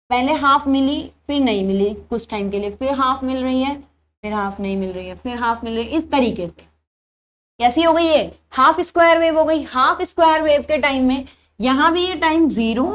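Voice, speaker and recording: A young woman teaching an engineering class, working through each step aloud and answering her own questions. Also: high voice. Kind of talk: engineering lecture.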